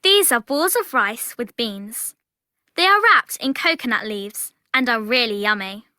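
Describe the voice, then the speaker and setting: A very bright, bubbly girl. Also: fairly high pitch, a little slow, no room sound, studio quality. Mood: cheerful. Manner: bright, expressive textbook reading. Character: bubbly young girl describing breakfast. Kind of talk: scripted textbook audio.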